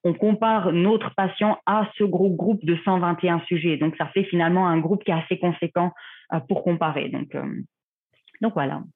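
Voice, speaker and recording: A woman's voice: fairly low pitch, normal speed. Thin phone-line woman explaining carefully. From Switzerland. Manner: careful, explanatory, many fillers. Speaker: guest researcher and clinician. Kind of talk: podcast interview answers. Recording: phone-like remote call audio.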